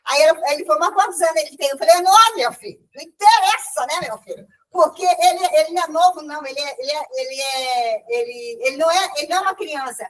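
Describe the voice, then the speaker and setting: A woman with a Brazilian Portuguese accent and a high voice talks fast as she gives an emotional, animated storytelling testimony at a church meeting. She often quotes herself and restarts her sentences, and her voice comes from far off the mic.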